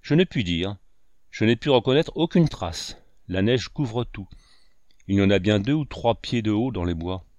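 A man's voice: on the low side, lively intonation, normal speed, a little mellow, dry recording, lo-fi sound, lightly acted. A man reading aloud and voicing a sturdy young farm son answering his father plainly. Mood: earnest.

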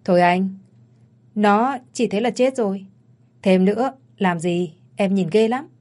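A woman's voice: medium pitch, a little slow, a little mellow, lightly acted. A woman voicing a coarse male hired thug who threatens his victim. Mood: menacing. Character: brutal male thug in blue shirt, hired killer.

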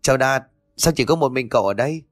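A man voicing a sharp-tongued young pregnant wife who accuses and scolds. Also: animated, fast, no echo, clean studio sound, natural voice. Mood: cheerful. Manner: shrill, accusing.

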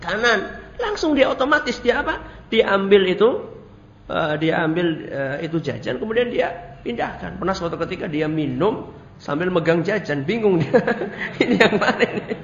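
A male religious teacher with a fairly high, very lively voice gives a lecture and keeps asking his listeners questions. The sound is dull and lo-fi, with a long echo from a hall. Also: normal speed, slight background noise. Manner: quizzes the audience with questions; animated storytelling. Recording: echoey hall, dull lo-fi audio.

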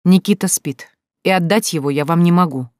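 A reader voicing a frightened young woman who speaks quietly but firmly, pleading at times, in an audiobook. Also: medium pitch, a little fast, no room sound, studio quality, natural voice. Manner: tense, quiet yet firm, pleading. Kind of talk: audiobook character voice.

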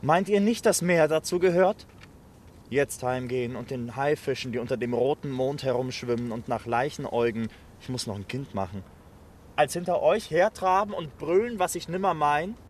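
A man playing a hoarse, stubborn homecoming soldier. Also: medium pitch, expressive, normal speed, a little hiss or hum, natural voice. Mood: defiant. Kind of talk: stage play performance.

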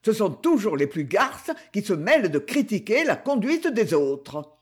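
A man's voice: sits high, big pitch swings, measured pace, breathy edge, heavily acted. A man doing a sneering brute of a husband. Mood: furious. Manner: harsh, scornful, insulting. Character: brutal domineering husband, furious and sneering.

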